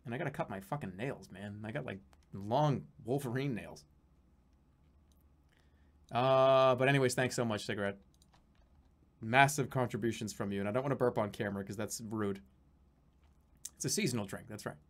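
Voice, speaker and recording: A man in his thirties live-streams from a small home room, reading out donations and rambling with plenty of swearing, at times erupting into excited yelling. His medium-pitched voice moves at a moderate pace, and he pauses often.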